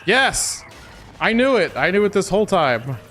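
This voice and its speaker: A woman's voice: medium pitch, sing-song, moderate pace, fairly bright tone. A woman playing a video game and co-hosting with casual, reactive commentary. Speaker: gaming co-host and player. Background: game music.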